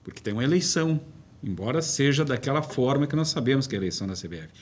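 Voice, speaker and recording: A man's voice: medium pitch, animated, very fast. A man hosting a talk show, asking probing questions about football politics.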